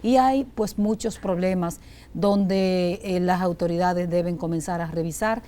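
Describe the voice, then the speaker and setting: A woman's voice: fairly low pitch, steady tone, a little slow, warm tone. A woman hosting a health talk show, speaking conversationally and correcting herself often. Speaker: host.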